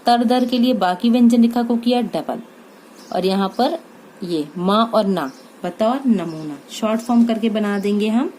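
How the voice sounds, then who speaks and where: A woman with an Indian accent teaching shorthand step by step, spelling out each word sound by sound and pausing often to check understanding. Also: a little high, dark tone, a little hiss or hum, rough recording. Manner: slow and deliberate, spelling out words sound by sound, frequent "ठीक है" checks. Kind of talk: step-by-step tutorial.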